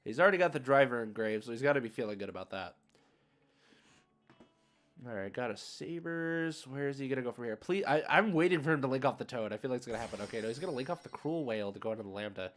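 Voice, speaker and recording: Over background music, a man streams an online card game, thinking out loud in a mid-range voice at a quick pace. His play-by-play is casual and chatty, dotted with slangy asides.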